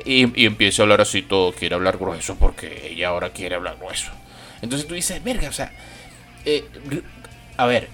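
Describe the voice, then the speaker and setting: A Venezuelan-accented man rants bluntly, swearing freely and mocking as he goes. His voice sits a little high for a man and swings widely up and down. Soft music plays faintly behind him. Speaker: opinion vlogger. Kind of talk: profane opinion rant.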